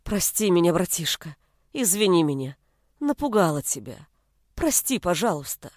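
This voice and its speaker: A woman's voice: on the low side, very animated, moderate pace, no room sound, clean studio sound, pitched below the performer's own voice. A woman voicing a young village woman, a fierce, blunt-spoken elder sister protecting her little brother. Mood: tender. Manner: blunt, rough-spoken, shouting in anger.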